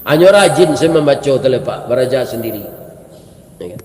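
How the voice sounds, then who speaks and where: A male preacher with a Minangkabau accent telling a story in a lively sermon, often asking the audience for agreement. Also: mid-range voice, moderate pace. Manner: lively, asks the audience "ya kan?". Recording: echoey hall, faint noise.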